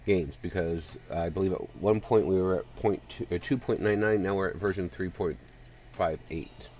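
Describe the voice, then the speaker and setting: A man's voice: sits low, normal speed, darkish tone, slight background noise. A congested, winded man chatting casually as he streams a video game, rambling along. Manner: rambling, chatty, with fillers and restarts. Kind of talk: casual let's-play commentary.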